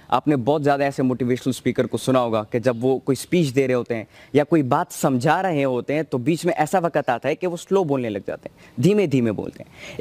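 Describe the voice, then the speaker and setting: A man's voice: mid-range voice, darkish tone, dry recording. A man giving an earnest talk on communication skills, explaining each point step by step.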